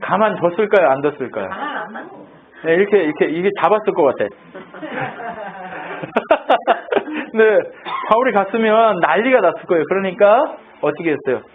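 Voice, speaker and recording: High-voiced pastor, tinny phone-like sound. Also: male voice, a little slow, long pauses. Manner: lively, conversational preaching with many questions to the congregation. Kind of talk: sermon. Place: church sanctuary. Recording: tinny phone-like church recording with faint noise.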